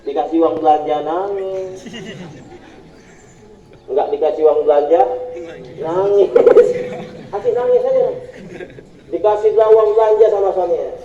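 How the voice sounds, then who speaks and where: A man giving a lively, humorous sermon at a school religious gathering, telling stories and speaking straight to his listeners. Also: high-pitched, unhurried, pauses often, a crowd in the background. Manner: jokey, storytelling, addresses the audience directly. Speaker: Islamic preacher. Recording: echoey room, distant mic, dull lo-fi.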